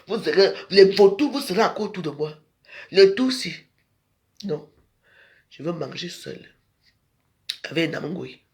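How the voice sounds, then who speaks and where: High-voiced man ranting at followers. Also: animated, measured pace, pauses often, darkish tone. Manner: scolding, confrontational, rambling. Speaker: social media video maker.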